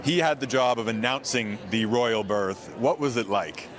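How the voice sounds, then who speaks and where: A male TV news reporter speaks live from a busy city street, with a clear bustle of crowd behind him. His pitch is mid-range and he delivers an on-location interview. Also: normal speed. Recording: busy outdoor crowd noise. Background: crowd and street traffic.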